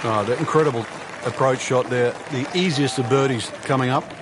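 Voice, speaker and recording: A man working as a golf commentator, giving explanatory, measured analysis of the course and the shots. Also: medium pitch. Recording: outdoor crowd and ambient noise behind. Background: crowd and outdoor ambience.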